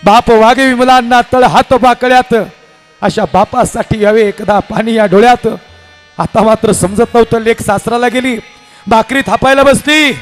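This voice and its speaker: A man preaching a devotional kirtan sermon, telling stories with acted dialogue in an impassioned manner. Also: extremely high pitch. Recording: live hall with reverb and instruments.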